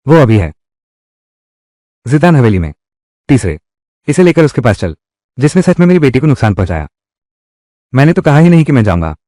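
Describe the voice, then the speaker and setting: Dubbing a menacing tough guy for a Hindi version of a live-action revenge drama, a man delivers confrontational threats in a natural voice. His pitch is medium with big swings, his tone is dark, and he talks a little fast while pausing often, all in a close studio recording with no room sound.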